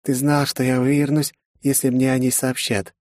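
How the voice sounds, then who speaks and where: A man's voice: mid-range voice, level tone, moderate pace, a little mellow, no room sound, voice pushed up, lightly acted. A man voicing a cruel, mocking female villain in an audiobook, taunting and giggling between spiteful lines.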